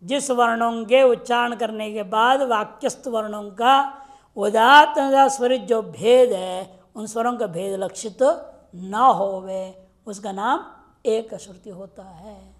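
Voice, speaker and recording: A woman teaching Sanskrit grammar in a lecture. She quizzes her listeners and recites the rules slowly. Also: on the high side. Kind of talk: classroom lecture explaining grammar.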